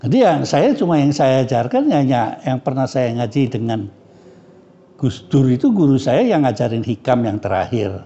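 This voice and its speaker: A man's voice: mid-range voice, sing-song, normal speed, mellow. A man, teaching scripture as a cleric in a casual, joking and frank way. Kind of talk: casual religious study lecture. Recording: dull lo-fi recording.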